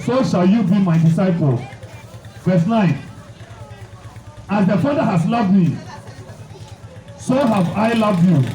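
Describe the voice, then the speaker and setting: A man's voice: high voice, warm tone, roomy sound, far from the mic, slight background noise, low-quality recording. A man preaching a sermon, praying blessings and reading scripture aloud with repeated phrases for emphasis.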